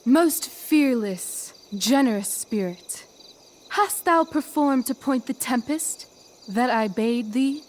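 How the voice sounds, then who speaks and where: A woman playing a poised, persuasive teenage girl who acts on stage in a video game, with a measured theatrical manner. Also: high voice, slight background noise. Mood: grand, commanding. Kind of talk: video game acting, Shakespearean stage delivery.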